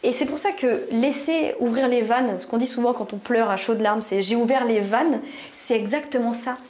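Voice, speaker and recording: A young woman from France chatting casually to camera in her bathroom at night, slangy and animated with viewers. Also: on the high side, moderate pace. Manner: chatty, slangy, addresses viewers as "les gars". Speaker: YouTuber.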